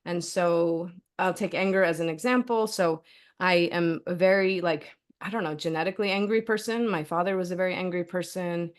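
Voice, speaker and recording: A woman's voice: lowish voice, normal speed. A middle-aged woman in a conversational interview, answering thoughtfully and often tagging her sentences with "right?" and "like.". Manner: thoughtful, frequent "like" and "right?" tags. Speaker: philosophy author and professor, interview guest.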